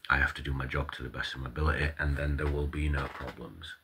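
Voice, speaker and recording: A middle-aged man, telling a story in a casual, animated monologue, acting out quoted dialogue and swearing now and then. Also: rumbling low, fast, slight background noise. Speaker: vlogger.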